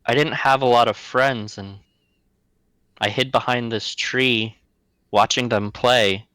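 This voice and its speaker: A man playing young Scrooge, a lonely orphaned gnome in a tabletop game, speaks in a bright, forward voice. His answers come short and guarded. The sound is close and dry. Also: medium pitch, steady tone, takes it slowly, smooth, dry recording, rough recording. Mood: wistful.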